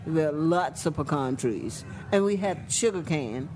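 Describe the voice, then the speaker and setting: A woman in her seventies with a South Louisiana accent, a singer and guest telling stories in a folksy, drawn-out way. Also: deep voice, animated, darkish tone, slight background noise. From Louisiana bayou country. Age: 70s. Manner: folksy, drawn-out storytelling with colloquial phrasing. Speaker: guest, singer and praline maker. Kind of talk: casual chat.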